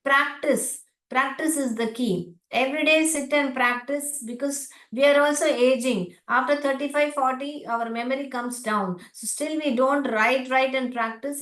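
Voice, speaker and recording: A woman teaching phonics to adults in an online class with an Indian English accent. She breaks words into sounds and keeps asking whether it is clear. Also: on the high side, a bit bright, reverberant. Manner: slow, spelled-out sounds with repeated checks of "clear?".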